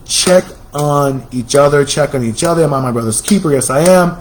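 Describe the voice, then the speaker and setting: A chatty American man runs a casual promotional talk for a computer shop. His voice sits fairly high for a man, and he repeats phrases as he pitches deals. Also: normal speed, poor audio. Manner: chatty, repetitive, salesy. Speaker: computer store host.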